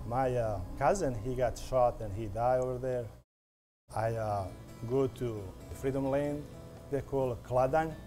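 Middle-aged Bosnian-accented man, halting broken English, warm dark tone, lapel mic, soft music under. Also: mid-range voice. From Bosnia and Herzegovina. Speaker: interviewee. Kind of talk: interview. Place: indoor bakery.

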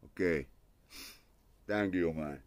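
A young man from Finland talks slowly in a low voice, with slight background noise around him. He's outdoors under a parasol in his yard on a live stream, casually chatting in a Finnish accent, thanking followers and muttering to himself. He films with a phone camera at arm's length.

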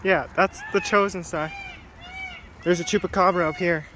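A man's voice: sits high, normal speed, noisy background. Joking young man vlogging on a phone. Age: young adult. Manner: excitable, joking, self-mocking. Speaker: missionary vlogger. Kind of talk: casual vlog narration. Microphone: phone held at arm's length.

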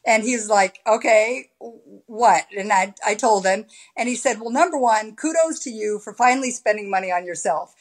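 A woman in her sixties, a podcast guest, telling her story in a lively, animated way over a video call from a room at home. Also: medium pitch, moderate pace, few pauses. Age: 60s. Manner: animated storyteller with big hand gestures. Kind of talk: casual interview chat. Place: home room with high ceiling. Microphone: laptop webcam on a video call.

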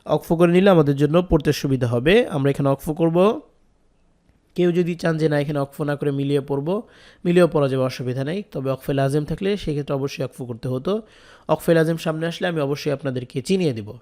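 A man with a Bangladeshi Bengali accent teaches Quran reading patiently, spelling out each syllable before chanting the verse slowly. His voice sits somewhat high and sounds smooth and resonant. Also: dark tone. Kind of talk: slow spelled-out recitation lesson.

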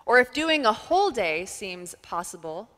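A woman in her thirties, a pastor, giving a calm, measured sermon with thoughtful pauses through a headset mic in a church sanctuary. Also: medium pitch. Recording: long reverb of a church sanctuary.

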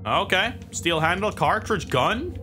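A man's voice: high voice, very animated, unhurried. A man giving casual, chatty commentary while playing a video game, thinking aloud and swearing now and then. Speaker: gameplay commentator. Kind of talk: casual let's-play commentary. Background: game sounds and music.

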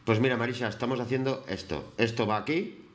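A man's voice: medium pitch, brisk. A man chatting casually with his viewers on a live stream, greeting them by name while he paints.

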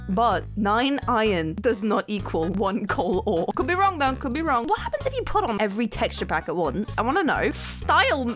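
A young woman giving excitable, giggly commentary while playing a game, squealing at surprises. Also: fairly high pitch. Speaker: gaming YouTuber. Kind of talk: Minecraft let's play commentary. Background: game music.

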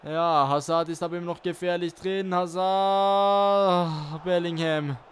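A man's voice: high voice, fairly even intonation, measured pace, smooth. A man giving play-by-play commentary on his own football video game, calling out player names as he goes. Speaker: gaming YouTuber playing and commentating his career mode.

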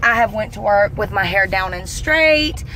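A young adult woman with a Southern US accent vlogs casually on a phone held at arm's length, moving between small home rooms and the inside of a car. Her mid-range voice is pushed and bright, with lively intonation and a moderate pace. The recording is low quality with slight background noise.

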